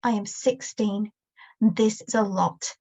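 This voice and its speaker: Slow, measured woman reading her story. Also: medium pitch, muffled recording. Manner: measured, quiet first-person narration. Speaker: author. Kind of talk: reading her own prose aloud.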